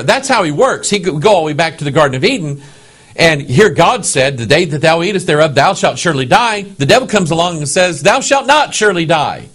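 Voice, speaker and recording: Husky guy preaching through the bible, voice swoops up and down, keeps saying okay. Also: on the high side. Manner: animated, keeps checking in with "okay?". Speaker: Bible teacher. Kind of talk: sermon-style Bible teaching.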